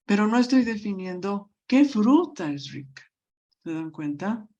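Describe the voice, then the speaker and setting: Unhurried woman teacher, mid-pitched, patient check-ins with students. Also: animated, warm tone, dull audio. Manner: slow, patient explaining with frequent check-ins. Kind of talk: online grammar lesson.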